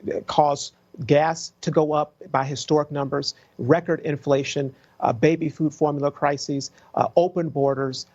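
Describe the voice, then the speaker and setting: A man's voice: fairly high pitch, a little mellow, muffled recording. Assertive male pundit on a remote feed. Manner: assertive, list-driven talking points. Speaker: political commentator. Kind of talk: TV news punditry.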